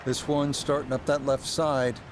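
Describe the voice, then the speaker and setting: A man's voice: medium pitch, little pitch movement, a little slow. A man giving live golf commentary as a broadcast commentator. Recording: noisy outdoor broadcast with crowd. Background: loud crowd and outdoor ambience.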